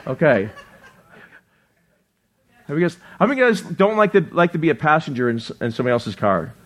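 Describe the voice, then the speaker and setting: A man preaching a sermon as pastor, talking fast and excitedly, with many rhetorical questions to the congregation. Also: a little high.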